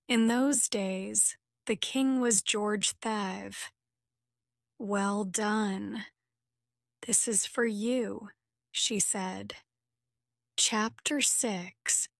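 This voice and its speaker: Slow, careful woman narrator. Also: medium pitch, no room sound, studio quality. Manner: slow, clear, careful reading. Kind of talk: graded-reader story narration.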